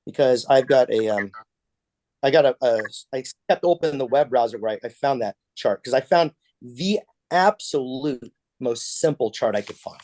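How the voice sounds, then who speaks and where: A man's voice: mid-range voice, expressive, normal speed, darkish tone, dry recording. A man leading a casual church class discussion over a video call, talking conversationally with frequent restarts.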